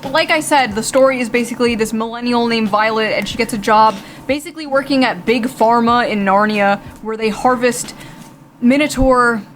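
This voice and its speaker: A woman commentator with a fairly high voice delivers scripted lines. She is sarcastic and emphatic, over faint background noise. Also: moderate pace. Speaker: video commentator.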